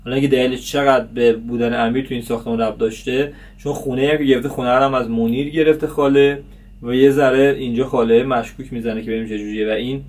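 A man's voice: medium pitch, steady tone, darkish tone. A man chats through a casual episode review for his vlog. He rambles with lots of fillers, and his voice sits a little distant from the microphone. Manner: chatty, many fillers. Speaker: series reviewer host.

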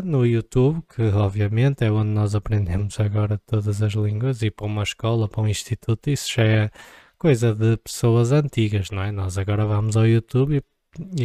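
A young Portuguese vlogger with a European Portuguese accent chats casually to camera, joking and rambling with playful asides. His mid-range voice is warm, and the sound is clean studio audio with no room sound.

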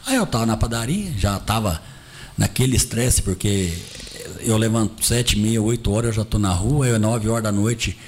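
A middle-aged man, a guest who plays Santa Claus for charity, telling a story in an animated, emphatic way in a casual interview. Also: lowish voice, moderate pace.

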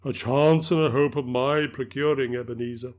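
A man's voice: mid-range voice, steady tone, normal speed, natural voice. A man voicing the anguished ghost of a dead miser, wailing and declamatory. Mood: warning.

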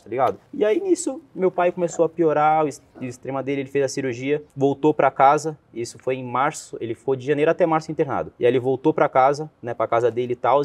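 Fast-talking young Brazilian man. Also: on the high side, darkish tone. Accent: Brazilian Portuguese. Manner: slangy, rambling, quotes himself a lot. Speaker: guest. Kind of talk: casual storytelling in an interview.

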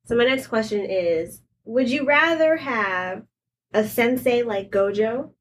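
A woman in casual chat, relaxed, asking questions and laughing easily. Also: fairly high pitch, a little slow, recorded from a distance, slight background noise. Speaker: co-host of a drinking game chat.

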